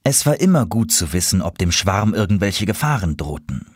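A man reading a children's story aloud, calm and expressive. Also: low voice, moderate pace, husky, no echo, studio quality.

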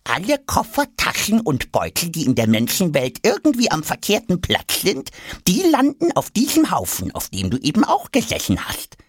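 Man putting on a chatty pink braces case, high, sing-song, storybook. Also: huge pitch swings, normal speed, few pauses, breathy edge, dry recording, studio quality, exaggerated voice. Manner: chatty, trusting. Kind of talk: audiobook character voice.

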